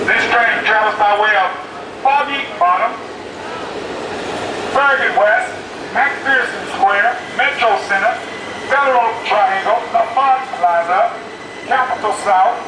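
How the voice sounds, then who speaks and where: A transit worker making train announcements through a bullhorn on a train platform, drawing out the station names in a sing-song call. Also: male voice, high voice, a little slow, pauses often. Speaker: transit employee. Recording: echoey, distant, noisy platform.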